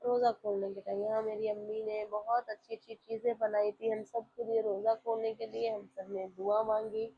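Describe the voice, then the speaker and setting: A woman's voice: fairly high pitch, little pitch movement, moderate pace, creaky, slight background noise. A woman, narrating her day in a casual, chatty vlog voice-over and talking to her viewers directly. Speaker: vlogger. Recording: slightly dull lo-fi with faint home ambience.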